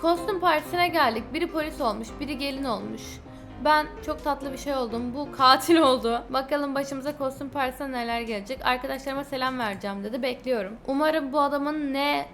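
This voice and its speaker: High-voiced chatty woman gamer. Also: a little fast, soft background music. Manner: chatty, reacts loudly and addresses viewers. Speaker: gaming YouTuber. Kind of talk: let's-play commentary of a story game.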